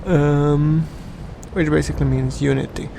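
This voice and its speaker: Male gameplay host, casual and hesitant, slightly high-pitched, over clear background noise. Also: little pitch movement. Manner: halting, hesitant delivery. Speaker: video game commentator, channel host.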